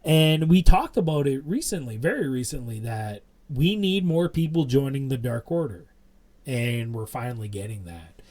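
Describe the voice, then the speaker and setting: A man's voice: mid-range voice, expressive, moderate pace, a little mellow. A young man co-hosting a podcast, rambling through a casual wrestling recap with lots of fillers. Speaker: podcast co-host.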